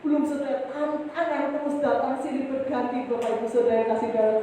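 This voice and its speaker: A middle-aged woman pastor giving a sermon with personal testimony, addressing the congregation directly and rising high and loud when she quotes her own prayers. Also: fairly even intonation, fast, slight background noise. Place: church hall. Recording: echoey church hall, mic at a distance.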